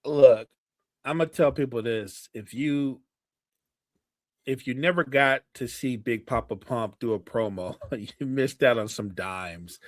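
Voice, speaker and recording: Man, podcast co-host, casual chat, halting with restarts, dry close sound, mid-pitched voice. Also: no room sound. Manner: halting, many restarts and fillers. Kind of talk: casual chat about wrestling.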